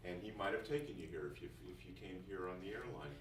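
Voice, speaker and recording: In an indoor classroom, a man with a low voice addresses new music students on their first day as their teacher, animated and a little fast. His talk is informal and jokey with phrases repeated for emphasis, captured roomily from a distant mic with some faint noise.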